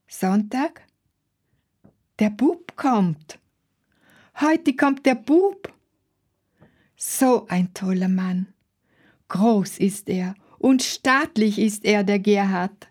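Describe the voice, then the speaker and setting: A woman's voice: mid-range voice, a little mellow. A woman reading a first-person literary text as a fussy, proud elderly lady in a care home who repeats herself insistently. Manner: repetitive, insistent, slow.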